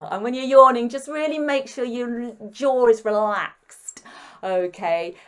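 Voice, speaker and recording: A woman singing teacher giving gentle, encouraging step-by-step breathing and vocal warm-up instructions. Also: a little high, a little slow, clean tone.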